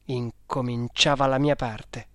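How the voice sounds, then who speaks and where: A reader narrating a storybook in a calm, measured way. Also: medium pitch, dry recording, studio quality.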